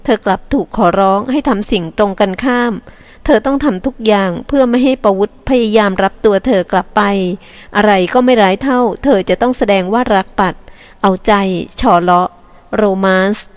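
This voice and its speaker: A woman narrating an audiobook novel in a measured, expressive reading. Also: mid-range voice, no echo. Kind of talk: scripted narration.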